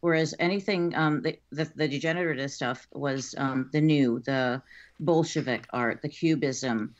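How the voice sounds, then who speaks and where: A woman's voice: sits low, moderate pace. A woman guest explains her subject in a loose, conversational interview. Her talk is full of ums and restarts as she works through her points. The audio is a bit dull and lo-fi, as if over a remote call. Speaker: guest expert on art crime.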